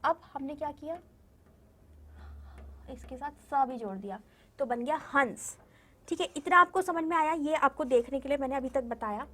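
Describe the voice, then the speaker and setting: High-voiced patient woman teaching children. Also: pushed and bright. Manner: patient, repeats words and sounds slowly, asks children questions. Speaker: primary school Hindi teacher. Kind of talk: recorded online lesson for young children.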